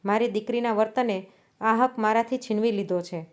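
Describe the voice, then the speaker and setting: A woman's voice: on the high side, normal speed, close to an everyday voice. A woman voicing a humble, weary father.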